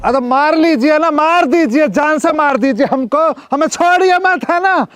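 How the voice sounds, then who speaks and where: A man's voice: extremely high pitch, moderate pace, heavy background noise. A man playing a sweet-talking, boastful young village conman, in a village comedy sketch. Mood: mocking. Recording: music underneath.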